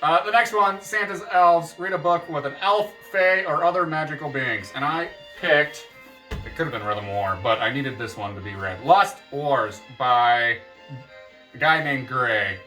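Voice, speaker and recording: A book vlogger chats casually about his reading plans, joking around, meandering, and correcting himself as he goes. His voice is on the high side, pushed and bright, at a measured pace. He sounds far from the mic, with soft music in the background.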